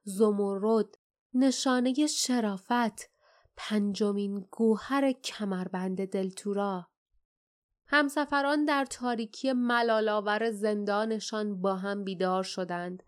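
A woman reading an audiobook in measured, expressive scripted narration. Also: mid-range voice.

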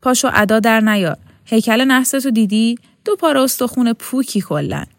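A woman voicing a hefty, loud, domineering woman who mocks and threatens in coarse speech. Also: a little high, expressive, dry recording, studio quality. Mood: mocking.

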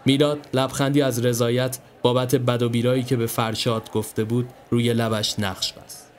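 A man narrating a scripted story in a calm, measured way. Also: medium pitch, a little hiss or hum. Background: faint background music.

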